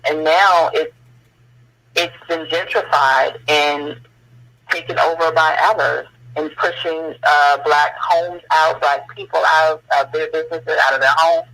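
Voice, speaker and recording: A man's voice: on the high side, pushed and bright, poor audio. A man speaking as a guest on a radio talk show, telling history in an earnest way that rises to impassioned questions.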